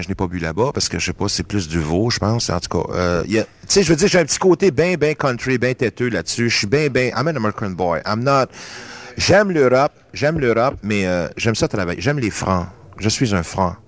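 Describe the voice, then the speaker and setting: A man's voice: on the low side, expressive, brisk. A Canadian singer with a Québécois accent, talking in a loose, rambling way and slipping English phrases into his French during an interview. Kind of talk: casual interview talk.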